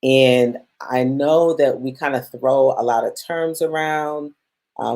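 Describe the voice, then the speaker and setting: A woman's voice: rumbling low, creaky, dark tone. Upbeat woman hosting a live cooking class. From Guyana, raised in Brooklyn. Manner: upbeat and chatty, greets viewers by name. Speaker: plant-based chef and health coach. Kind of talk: live-streamed masterclass talk.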